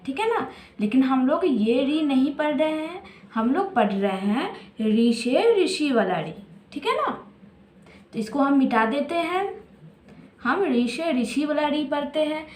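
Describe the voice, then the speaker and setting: A woman teacher with a Bihari Hindi accent guides young children through a lesson, slow and patient, repeating each word and quizzing her pupils. Her voice is high and rises and falls a lot, and it rings in an echoey room. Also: a little hiss or hum. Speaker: primary school teacher.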